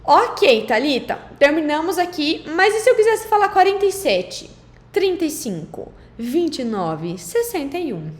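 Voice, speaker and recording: A woman teaching English numbers to learners, drilling them slowly and adding teacherly asides. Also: very high voice, big pitch swings. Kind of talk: classroom-style lesson. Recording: roomy echo with faint background noise.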